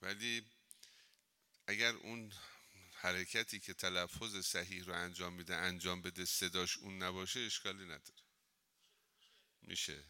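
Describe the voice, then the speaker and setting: Bright-toned male cleric teaching casually. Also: deep voice, little pitch movement, long pauses, clear, resonant tone. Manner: conversational, with humorous anecdotes and quoted mispronunciations. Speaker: cleric giving a religious lesson. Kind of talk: informal religious teaching in a mosque.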